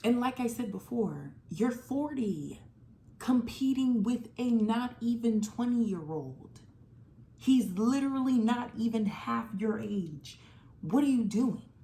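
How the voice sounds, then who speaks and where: On the high side and mellow, her voice carries a faint hiss or hum. The twenty-something woman gives a chatty, emphatic rundown of a movie, leaning on "like" and other fillers as she shifts from fast to drawn out.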